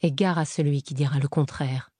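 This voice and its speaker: A woman reading as a tall gentle protective man. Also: deep voice, fairly even intonation, a little fast, slightly rough, no echo. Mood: tender, protective.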